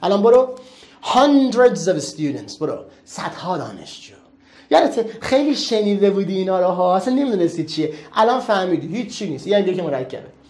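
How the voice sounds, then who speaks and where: Lively teacher quizzing a class. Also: mid-range voice. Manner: lively, quizzing students with quick rhetorical questions; playful, teasing. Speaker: English teacher. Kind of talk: classroom lecture.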